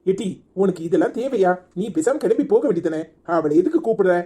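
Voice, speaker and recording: A woman's voice: medium pitch, expressive, fast, background noise, natural voice. A woman voicing a sarcastic, grumbling village father in a cartoon, with a Tirunelveli accent. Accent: Tirunelveli Tamil.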